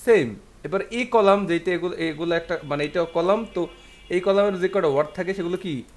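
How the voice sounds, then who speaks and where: A man's voice: sits high, fairly quick. A man teaching a language class, patiently repeating syllables one by one and asking rhetorical questions. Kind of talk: classroom lesson.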